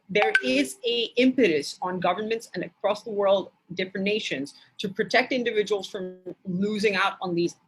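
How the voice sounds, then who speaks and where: A woman from Bangladesh giving an academic lecture in a measured way, with frequent hesitation fillers. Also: mid-range voice, a bit bright, rough recording.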